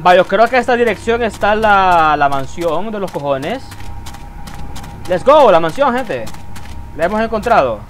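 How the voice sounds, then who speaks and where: A man with a rather high voice narrates his horror game playthrough as live commentary. He is excitable and swears freely, calling out to his viewers as he plays. A faint hiss of noise sits under his voice. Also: measured pace. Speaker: gaming YouTuber. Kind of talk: let's play commentary.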